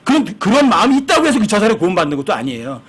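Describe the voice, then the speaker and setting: Male pastor, high and husky, lively sermon delivery that acts out quoted voices. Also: rapid-fire. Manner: acts out quoted voices, emphatic and conversational with the congregation.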